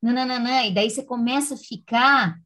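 A woman's voice: a little high, fairly even intonation, normal speed, fairly bright tone, rough recording. Chatty, reflective woman host. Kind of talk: casual chat.

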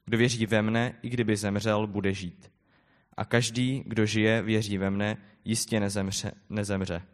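A man reads scripture aloud in a steady, measured delivery. His voice sits on the low side. The sound trails off in a long reverb from a large church hall. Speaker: scripture reader.

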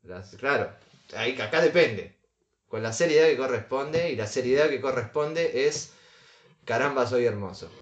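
A man's voice: medium pitch, animated, normal speed, reverberant, lo-fi sound. A man co-hosting a casual comedic podcast, reading advice aloud with dry asides and chuckles. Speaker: podcast co-host.

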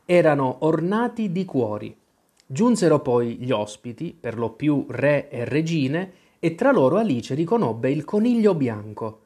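A narrator reading a children's classic aloud in scripted, expressive storytelling. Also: mid-range voice. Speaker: audiobook narrator.

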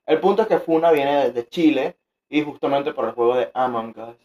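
A man's voice: medium pitch, brisk, a little mellow. Man, twenties, casual chat, filler-heavy, dull recording. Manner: joking, rambling with many fillers. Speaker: podcast co-host. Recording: dull lo-fi sound.

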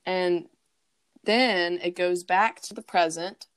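A young woman co-hosting a casual book podcast, her voice smooth and clear and set a little low. She rambles along with plenty of fillers. The sound is dry and close. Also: fairly even intonation, slow pace, no room sound. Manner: chatty, rambling, with frequent fillers. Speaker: podcast co-host.

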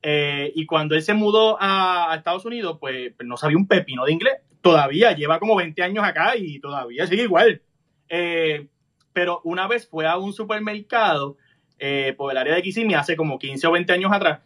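A man's voice: fairly high pitch, a little fast. A man telling funny family stories in casual chat, acting out the people he quotes. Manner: animated anecdote teller, acts out quoted voices.

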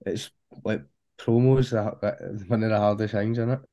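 A man's voice: lowish voice, steady tone, normal speed, mellow, dull audio. A man with a broad Scottish accent, talking informally and slangily as a music artist being interviewed. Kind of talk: casual interview chat.

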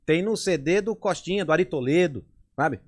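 A Brazilian man, a comedian, chatting casually on a podcast and telling bawdy jokes in an animated way. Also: on the high side, normal speed. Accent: Brazilian Portuguese. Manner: animated, jumps into lewd joke voices. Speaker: comedian guest.

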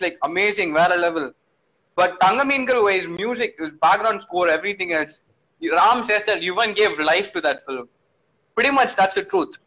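A man's voice: high voice, pushed and bright, low-quality recording. A man with a South Indian accent from Tamil Nadu, chatting casually and emphatically about film music, switching between English and Tamil.

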